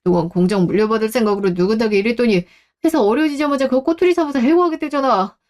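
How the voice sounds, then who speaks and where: Woman doing a whiny grown son, indignant, voice climbing high, radio drama. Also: racing, darkish tone, lightly acted. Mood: pleading. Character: angry entitled middle-aged son, whining. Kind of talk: Korean radio drama acting.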